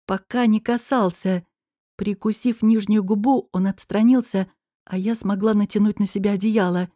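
A woman narrating a first-person audiobook in an even, measured way. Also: medium pitch, no echo, studio quality.

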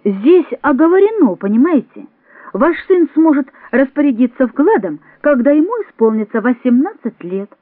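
Brief: calm young clerk read by a woman narrator, firm and patient, dry thin recording. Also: high voice, normal speed, dry recording, voice pushed up. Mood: explaining. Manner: patient, explaining firmly. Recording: dry, tinny phone-like sound.

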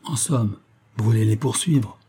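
A man voicing an eccentric, scornful lanky male detective who talks in a brisk, mocking, commanding way. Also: on the low side, warm tone, husky.

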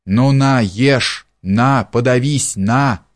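A man reading an audiobook, voicing a poor peasant man who pleads slowly and then curses in fury. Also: medium pitch. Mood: furious.

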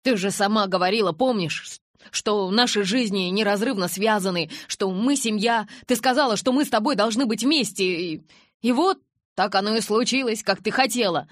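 A woman voicing a pushy young male werewolf who pleads loudly and insistently. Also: mid-range voice, moderate pace, no echo, studio quality, voice pushed up, natural voice. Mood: pleading.

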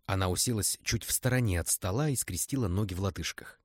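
A man narrating an audiobook in steady scripted storytelling. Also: sits low, fast, husky, no room sound, studio quality.

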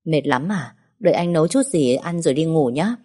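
A woman reading the lines of a gentle, quiet young husband in a story, soft and caring. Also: deep voice, animated, fairly quick, husky.

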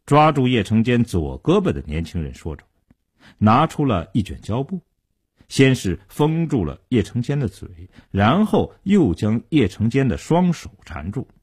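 A man telling a crime story on radio in a dramatic, animated storytelling style. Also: medium pitch, moderate pace, breathy edge.

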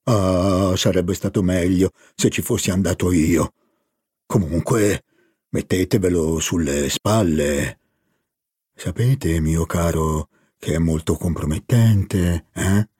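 A man reading an audiobook, voicing a fussy, flirtatious aristocratic baron in a lowered, intimate tone. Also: slow, a little mellow, breathy edge, no echo, studio quality, full character voice. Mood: fussy, teasing.

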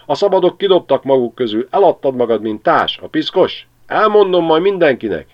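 A man voicing a spiteful male sparrowhawk who snarls in a loud, raised voice. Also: medium pitch, lively intonation, clear, resonant tone, lo-fi sound, pitched above the performer's own voice, lightly acted. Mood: furious.

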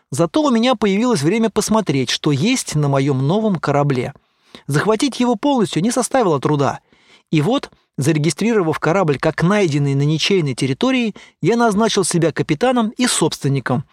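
High-voiced male audiobook narrator. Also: no room sound, studio quality. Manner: raises pitch for excited quoted lines. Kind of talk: scripted audiobook narration with dialogue.

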